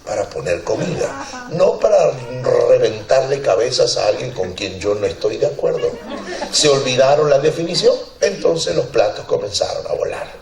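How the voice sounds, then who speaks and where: A man's voice: medium pitch, gravelly. A man preaching a sermon as a pastor, telling a funny story with lots of laughter and acted-out voices. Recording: roomy church hall, distant mic, congregation audible.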